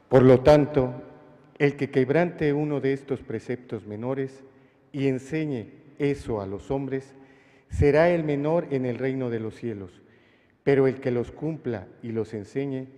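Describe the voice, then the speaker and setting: A man's voice: medium pitch, warm tone. A priest at Mass, reading the Gospel in a solemn proclaiming manner, his voice carrying a cathedral echo. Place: large church. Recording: long church reverb, voice from a distance.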